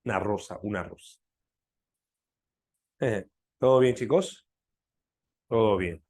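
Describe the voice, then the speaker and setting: Slow and a little mellow, this fairly low male voice belongs to a Peruvian-accented teacher running a live language lesson. He pokes fun at his students and keeps checking that they understand.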